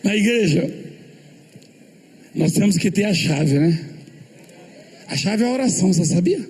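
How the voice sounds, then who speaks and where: A male preacher from Minas Gerais gives a humorous church sermon in a high, lively, gravelly voice. He jokes, acts out quotes, and keeps asking the congregation questions. A faint hiss of noise sits under the voice. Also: a little slow. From Minas Gerais, Brazil.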